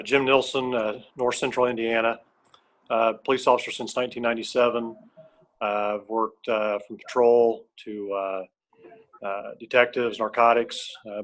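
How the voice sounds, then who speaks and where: A man in his forties or fifties, a police officer, giving a brief, halting self-introduction on a call. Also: on the low side, fairly bright tone.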